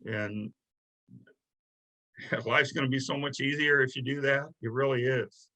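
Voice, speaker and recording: A man's voice: mid-range voice, measured pace, pushed and bright, rough recording. A middle-aged man, a deputy sheriff, telling stories in a casual interview, rambling and restarting often. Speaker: guest, deputy sheriff and investigator.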